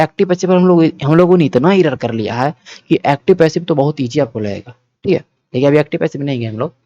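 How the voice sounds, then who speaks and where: A man's voice: fairly high pitch, mellow, dry recording. A man teaching English grammar for exam prep in a mix of Hindi and English. He explains patiently, repeats points and often checks that students follow. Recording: dull, dry, lo-fi sound.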